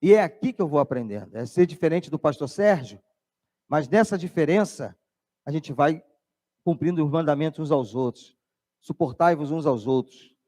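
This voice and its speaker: High-voiced preaching pastor. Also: male voice, moderate pace. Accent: Brazilian Portuguese. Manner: animated preaching, drops voice low to tell stories. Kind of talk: sermon.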